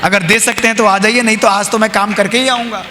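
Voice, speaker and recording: A man's voice: sits high, steady tone, a little fast, pushed and bright, voice pushed up. A man voicing a proud male divine eagle who speaks brusquely and resolutely, in a reverberant hall. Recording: reverberant hall with faint hiss.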